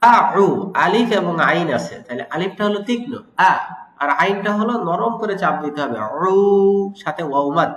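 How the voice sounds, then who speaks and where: A man with a high, light voice, teaching recitation in a patient, step-by-step way. He slows down and repeats sounds to show how they should be pronounced. The recording has a roomy, echoing sound. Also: lively intonation, a bit bright. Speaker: Quran teacher. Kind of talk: recitation lesson with explanations. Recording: roomy echo.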